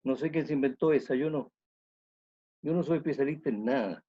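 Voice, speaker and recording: A man's voice: mid-range voice, a little fast, husky, dull audio. A man, an orchestra conductor giving an online music talk, explaining thoughtfully and repeating phrases as he thinks.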